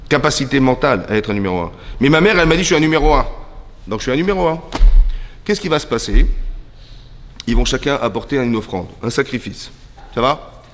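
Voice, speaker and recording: Animated rabbi in a reverberant hall. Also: male voice, medium pitch. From France. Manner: animated, acts out dialogues, asks listeners questions. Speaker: rabbi teaching a women's class. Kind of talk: lively religious lesson. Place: lecture hall.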